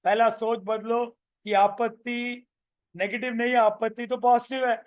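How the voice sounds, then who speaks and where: A man's voice: very high-pitched, measured pace. A man, a business coach, leading a live video-call training session with energy and many repeated phrases. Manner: energetic, repeats phrases, role-plays sales calls.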